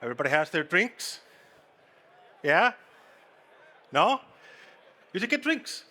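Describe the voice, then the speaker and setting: High-pitched and bright, this man speaks slowly and forcefully, with big swings in pitch. He is an Icelandic conference speaker with an Icelandic accent, joking and bantering with a live audience from a conference hall stage.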